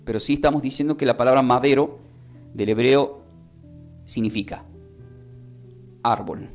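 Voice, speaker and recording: At a moderate pace and medium pitch, a man with an Argentine accent from Tucumán preaches in a Bible class as faint music plays. He has his listeners echo his phrases, pushing them with emphatic rises.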